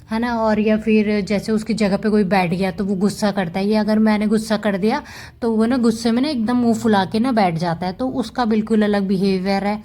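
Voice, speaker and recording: A woman's voice: medium pitch, mellow. A woman giving a casual, chatty voice-over about her pet cats, fond and explaining as she goes. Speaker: cat vlogger.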